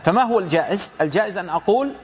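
A man's voice: high-pitched, expressive, rapid-fire, slight background noise. A man giving a lecture commentary on hadith as a religious teacher, explaining through rhetorical questions and retold dialogue.

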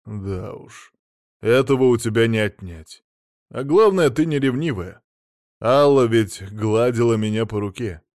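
A man's voice: medium pitch, animated, measured pace, no room sound, clean studio sound, close to an everyday voice. A man voicing a blunt, hot-tempered middle-aged businessman husband. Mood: gruff. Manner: blunt, gruff, loud.

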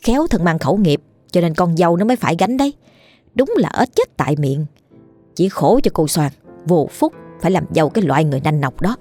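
A woman voicing village gossips who murmur quick, disapproving remarks. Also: lowish voice, animated, dark tone, faint music behind. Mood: gossiping.

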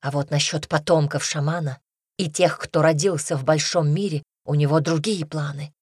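A woman's voice: deep voice, fairly even intonation, normal speed, darkish tone, husky, dry recording, clean studio sound. A woman narrator voicing a weary, grave mother explaining bad news in an audiobook. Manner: grave, sad.

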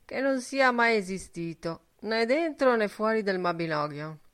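A woman's voice: mid-range voice, expressive, unhurried, smooth, pitched above the performer's own voice, lightly acted. A woman voicing a grave reserved young man. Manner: quiet, dry, serious.

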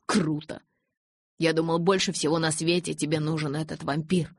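A woman reading the lines of a hot-tempered, desperate young man in an audiobook, loud and insistent. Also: low-pitched, flat delivery, normal speed, slightly rough, no echo. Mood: angry. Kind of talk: audiobook character voice.

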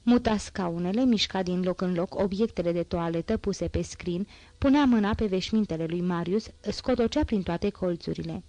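A woman narrating a classic novel as an audiobook, in a steady, measured reading. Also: fairly low pitch, dry recording.

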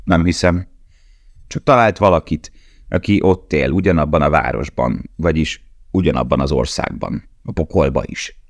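A man's voice: a bass voice, no room sound, clean studio sound. A man reading the part of a blunt, mocking male camp guard in a storybook. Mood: grumbling.

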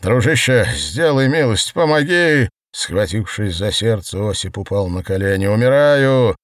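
A man's voice: lowish voice, lively intonation, unhurried, no echo, clean studio sound. A man voicing a crude, grandiose man who rants in a frenzied, bellowing way. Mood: pleading. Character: ecstatic wild shouting man, crude and grandiose.

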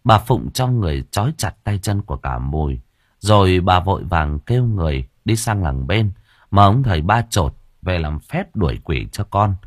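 A male storyteller reads an audiobook with a husky, low voice. His telling is dramatic, with a lot of rise and fall in pitch. The sound is close and dry. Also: sing-song, moderate pace, dry recording. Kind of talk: audiobook narration.

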